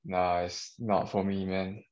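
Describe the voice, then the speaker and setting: A laid-back young man chats on a casual podcast, mumbling and letting his sentences trail off. His voice is fairly low, and the recording sounds dull and lo-fi. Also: level tone, takes it slowly, darkish tone.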